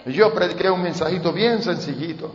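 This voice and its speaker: A man preaching a sermon, swinging from loud shouts to quiet storytelling. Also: sits high, brisk. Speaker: pastor. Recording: echoey hall, dull sound.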